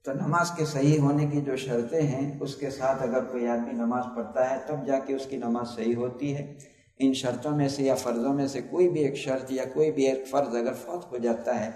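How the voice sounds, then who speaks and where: A man's voice: medium pitch, fairly even intonation, darkish tone. A man giving a methodical religious lecture, listing conditions one by one and quoting Arabic terms. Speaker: Islamic preacher. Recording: echoey hall, voice from far off.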